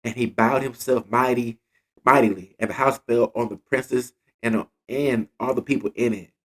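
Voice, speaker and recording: A husky man tells Bible stories in a relaxed, slangy way. He reads scripture and then breaks into lively commentary. His voice is mid-pitched and rough. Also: moderate pace. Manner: animated retelling in slang, acting out quotes. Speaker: Bible teacher. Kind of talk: casual Bible storytelling.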